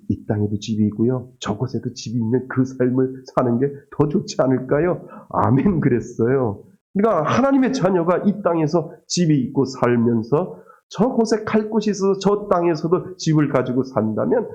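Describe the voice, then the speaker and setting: A man's voice: a little high, a little mellow, lo-fi sound. A man preaching a sermon as a pastor, asking the congregation questions and acting out prayers and God's replies. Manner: asks the congregation questions and acts out quoted prayers.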